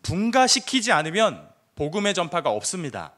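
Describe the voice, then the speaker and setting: Bright, lively-voiced male pastor preaching. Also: high-pitched, fairly quick. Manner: animated preaching, acts out short quoted lines. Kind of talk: sermon. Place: church.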